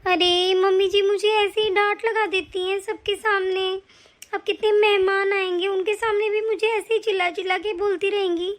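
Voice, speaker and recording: Woman doing a meek cartoon daughter-in-law, high voice, soft, apologetic. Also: flat delivery, moderate pace. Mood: hurt. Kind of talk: cartoon voice acting.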